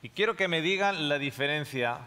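A man's voice: a little high, lively intonation, moderate pace, pushed and bright. A man giving a classroom talk to a live audience, often checking in with listeners and repeating phrases. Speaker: lecturer. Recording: long hall reverb.

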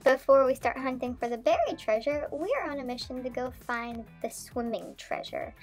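With music playing underneath, a woman voices a cheerful young dog narrating her sailboat life for a vlog, bubbly and punny with pirate talk in a playful, scripted style. Her voice sits high, at normal speed, close to an everyday voice.

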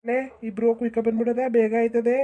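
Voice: medium pitch, monotone, racing, phone-quality sound, close to an everyday voice. A performer voicing an impatient middle-aged village farmer in a comedy cartoon, with a grumbling, hurrying manner.

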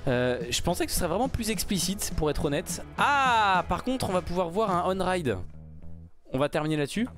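A man giving casual, excited commentary while reacting to a game trailer, rambling with many fillers and restarts. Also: high-pitched, a little fast, soft background music. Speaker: gaming YouTuber reacting to a trailer.

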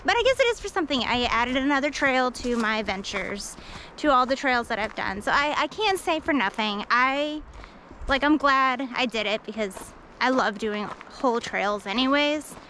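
A woman's voice: high-pitched, animated, moderate pace, pushed and bright, slight background noise, poor audio. A woman hiking alone and talking to an action camera on a forest trail, rambling with lots of fillers and poking fun at herself. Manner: rambling, self-deprecating, many fillers. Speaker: hiking vlogger. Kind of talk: casual vlog narration while hiking.

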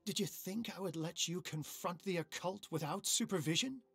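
An actor playing a bookish, self-assured male occult scholar in a dramatic video game, with a husky voice. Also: sits high, normal speed, a bit bright, no echo, full character voice.

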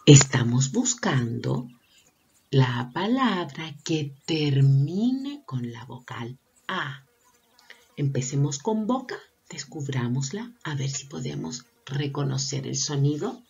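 A woman teaches preschoolers their vowels, stretching words out slowly and warmly praising each answer. Her voice sits low and mellow with a slightly breathy edge, yet her pitch leaps widely in a sing-song way. The recording sounds dull and lo-fi. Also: very animated. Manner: affectionate, encouraging, asks children questions. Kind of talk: slow, sing-song lesson for young children.

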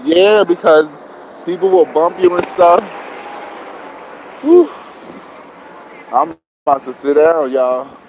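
A man's voice: fairly high pitch, a little mellow, poor audio. A man, out of breath and sweaty, chatting casually to viewers of his livestream as he walks a busy city street on a phone camera. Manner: chatty, greets viewers, begs for shares. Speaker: vlogger live-streaming. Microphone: phone camera worn or held. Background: street traffic and city bustle.

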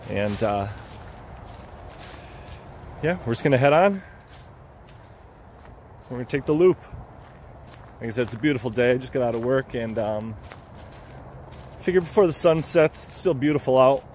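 A man of middle pitch, chatting casually to the camera he holds as he walks a woodland trail by a lake. He talks in an easygoing, rambling way and repeats the openings of his phrases. Faint hiss and distant highway traffic sit under the outdoor recording. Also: lively intonation, moderate pace, long pauses, darkish tone. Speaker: hiking vlogger. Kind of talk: casual walking commentary to camera. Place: outdoors on a wooded lakeside trail. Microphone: handheld camera or phone held by the walker.

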